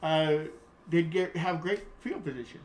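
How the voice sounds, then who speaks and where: A man's voice: a little high, a little slow, darkish tone, slight background noise. A young man co-hosting a casual sports chat, emphatic and stumbling over his words. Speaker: co-host.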